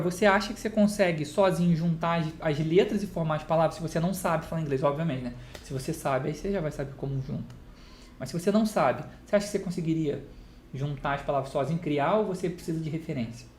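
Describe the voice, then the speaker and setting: A man's voice: high voice, darkish tone. Brazilian man explaining in an echoey room. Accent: Brazilian Portuguese. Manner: explains with rhetorical questions and everyday examples, answering them himself. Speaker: guitar teacher. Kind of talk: casual spoken lesson to camera. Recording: echoey room with faint ambient noise.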